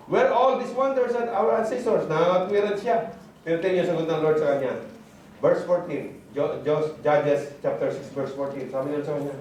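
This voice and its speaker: High-voiced pastor preaching in an echoey hall. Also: male voice, darkish tone, slight background noise. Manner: preaching in mixed Tagalog and English, voicing God and prophets dramatically. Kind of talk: sermon. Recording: echoey hall from far off, faint ambience.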